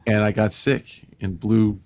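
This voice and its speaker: A middle-aged man co-hosting a podcast, telling stories in a lively, casual way and laughing at his own tales. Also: lowish voice, unhurried. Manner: animated storyteller, laughs at own tales, many restarts. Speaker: podcast co-host. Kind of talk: casual storytelling chat.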